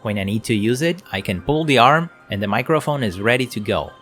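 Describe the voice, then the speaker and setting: A man's voice: medium pitch, expressive, fairly quick, fairly bright tone, soft background music. A man giving a plain, explanatory product review at his home work desk, speaking into a desk mic on an arm. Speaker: tech reviewer.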